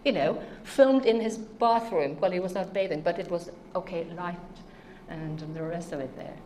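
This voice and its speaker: Delivering an earnest, emphatic conference lecture full of rhetorical questions, a middle-aged woman from Norway speaks with a Norwegian accent. Her voice sits on the low side, warm in tone, at a moderate pace, with slight hiss or hum in the background.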